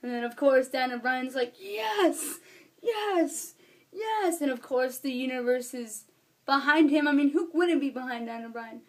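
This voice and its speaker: High-voiced woman rambling through a review. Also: steady tone, fairly quick. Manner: rambling, apologizes for being all over the place; chatty with many fillers. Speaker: wrestling show reviewer. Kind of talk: casual vlog review.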